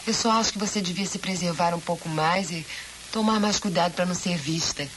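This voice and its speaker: An actress with a Brazilian Portuguese accent dubbing a gentle, caring older woman in a 1980s film, soft-spoken and measured. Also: on the low side, slight background noise, close to an everyday voice, poor audio. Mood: tender.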